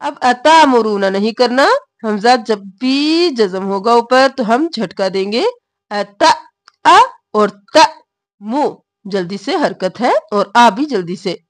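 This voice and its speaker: Woman teaching slow chanted Quran recitation. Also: a little high, animated, no echo. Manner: slow drawn-out chanted recitation between quick spoken explanations. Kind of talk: Quran tajweed lesson, recitation and explanation.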